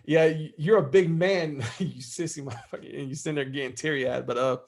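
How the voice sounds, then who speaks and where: A man's voice: fairly high pitch, steady tone, fairly quick, a little mellow. A middle-aged man speaking as a podcast guest in candid interview talk, heartfelt and freely swearing.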